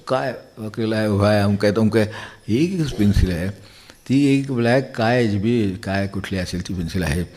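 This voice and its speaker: An older man from Maharashtra giving a devotional discourse in a conversational, digressive manner, pausing to chuckle as he explains with everyday examples. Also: lowish voice, darkish tone. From Maharashtra, India. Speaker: spiritual discourse speaker.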